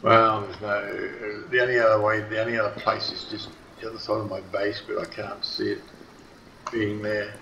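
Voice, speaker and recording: Aussie guy grumbling over his game, gravelly, roomy echo with a faint hiss behind. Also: fairly low pitch, flat delivery, moderate pace, bright, forceful tone, muffled recording. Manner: muttering to himself, dry grumbling. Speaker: gameplay commentator. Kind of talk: casual gameplay commentary.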